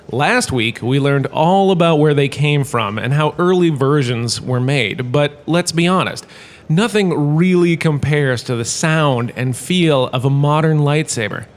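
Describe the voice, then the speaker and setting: For a comedic audio drama, a male actor with a medium-pitched voice plays a vain, washed-up star who became a professor. He lectures pompously and theatrically, brimming with self-satisfaction, though the acting stays light.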